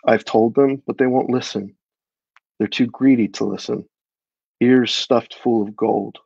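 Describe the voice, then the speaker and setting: A man's voice: medium pitch, fairly even intonation, unhurried, creaky, a little mellow, breathy edge, no room sound. A man reading aloud, voicing a weary, grumbling man in a tavern in his own voice, recorded on a dull, dry mic.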